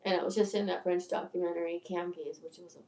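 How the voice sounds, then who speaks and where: Gravelly and low-pitched, this woman in her sixties talks quickly with a steady, darkish tone. She is a video creator delivering a rambling livestream monologue, candid and profane, stammering and restarting. The recording comes from an echoey room, with her distant from the mic.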